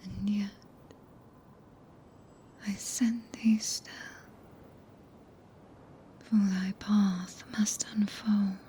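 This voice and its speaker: Woman acting as a regal witch, British accent, breathy whisper, extremely slow, mellow, tender and possessive, solemn ASMR roleplay. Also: medium pitch, a little hiss or hum. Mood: wistful, longing. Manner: slow, hushed, intimate, solemn. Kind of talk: whispered ASMR roleplay, archaic scripted speech. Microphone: close binaural microphone.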